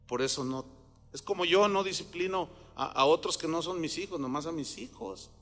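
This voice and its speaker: A man's voice: on the high side, moderate pace, a bit bright, big-room sound. A man preaching a sermon with emphasis, often putting questions to the congregation. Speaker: pastor.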